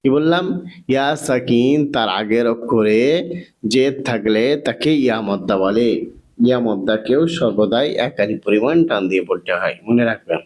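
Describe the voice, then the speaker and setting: A man with a Bengali accent teaching Quran reading, spelling letters out one by one in a measured recitation drill. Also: fairly low pitch, a little mellow. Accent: Bangladeshi Bengali. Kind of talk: slow spelling-out recitation lesson.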